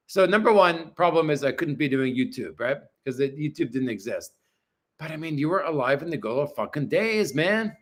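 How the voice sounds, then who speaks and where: A livestream host in his forties chats casually from his apartment, answering viewers' comments. His slightly high, bright voice has a forceful edge. He is crude and blunt and swears plenty.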